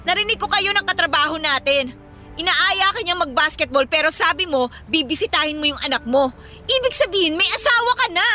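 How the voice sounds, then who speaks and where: A woman acting in a radio drama as a tipsy, hurt and angry young woman who throws sharp, accusing retorts. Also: very high-pitched, expressive, brisk, faint music behind, heavily acted.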